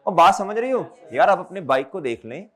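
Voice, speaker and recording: A man's voice: sits high, big pitch swings, brisk, fairly bright tone. A man teaching an accountancy class, often repeating his questions back to the students and calling them brother and children. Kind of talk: classroom lecture.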